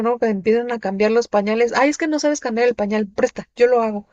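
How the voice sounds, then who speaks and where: A woman speaks in a fairly high voice, giving a faith-based parenting talk. Her delivery is loose and chatty, full of tag questions and fillers. The recording is slightly muffled and very dry. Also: darkish tone, no echo. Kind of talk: church parenting talk with personal testimony.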